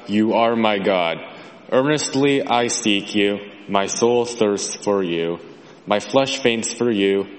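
A man reading scripture slowly and solemnly in a large church, his voice carried by a cathedral echo from far off. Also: on the low side. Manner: slow, measured and solemn. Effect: cathedral echo, heard from far off. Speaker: scripture reader. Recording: far-off voice in a long-reverb church hall.

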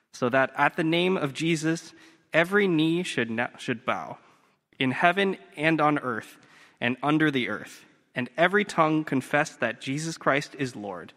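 A man reading scripture aloud in a measured, formal cadence, his voice ringing with cathedral echo. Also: mid-range voice, fairly bright tone. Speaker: scripture reader. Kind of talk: liturgical reading. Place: church sanctuary. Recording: long reverb of a church hall.

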